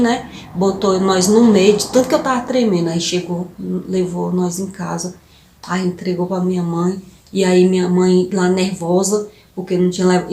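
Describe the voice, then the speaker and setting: Female vlogger, lively storyteller who talks straight to viewers, in a roomy space. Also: medium pitch, a little hiss or hum. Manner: animated, addresses viewers as "gente", acts out quoted voices. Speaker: vlogger telling her life story.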